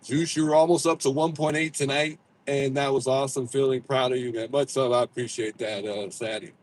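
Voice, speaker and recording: A man with an average-pitched voice hosts a casual livestream from inside a car. His diction is a little slushy from missing teeth. He talks in a playful, slangy, informal way. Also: fairly even intonation, brisk. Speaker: livestream host.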